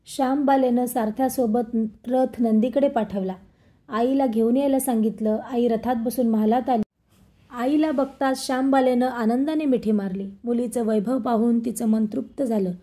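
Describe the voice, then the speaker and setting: Mellow-voiced woman telling a devotional tale. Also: a little high. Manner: measured, steady storytelling. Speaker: storyteller. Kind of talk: devotional story narration.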